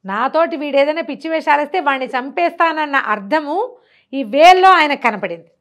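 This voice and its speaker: A woman storyteller tells a traditional tale aloud in an animated, conversational way, posing rhetorical questions and acting out the dialogue as she goes. Her voice sits high and is a bit bright. She's expressive and fairly quick.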